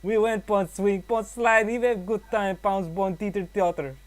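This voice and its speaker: A man's voice: sits high, fairly even intonation, normal speed, pitched above the performer's own voice, lightly acted. A man voicing a boastful young man telling a wild tale in a put-on Jamaican accent, exaggerated and sing-song.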